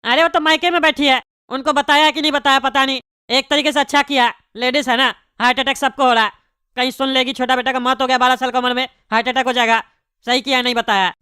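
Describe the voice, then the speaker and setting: A woman's voice: sits high, fairly even intonation, fast, pushed and bright, smooth, no room sound, clean studio sound. A woman voicing a bald, pompous male neighbourhood politician in a cartoon comedy, bossy and rambling. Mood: consoling. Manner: bossy, rambling, tactless consoling.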